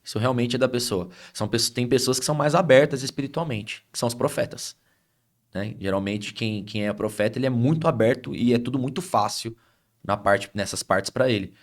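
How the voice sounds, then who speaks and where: A man's voice: medium pitch, fairly quick. A man with a Brazilian Portuguese accent, an itinerant pastor telling ministry stories in a podcast conversation.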